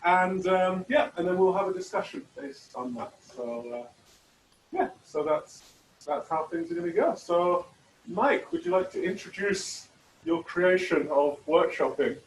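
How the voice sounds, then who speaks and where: A man's voice: sits high, a little slow, roomy sound, far from the mic, a little hiss or hum, low-quality recording. A man co-hosting a casual online teachers' meetup, rambling with lots of fillers and restarts over a video call. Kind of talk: casual chat.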